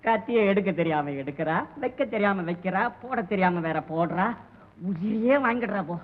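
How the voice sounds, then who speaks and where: A man's voice: high voice, moderate pace, close to an everyday voice. An actor playing a bossy husband snaps sarcastic retorts in an old comedy scene. His voice comes through a tinny, phone-narrow film soundtrack. The delivery is classic 1940s screen acting. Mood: evasive. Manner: scolding, sarcastic.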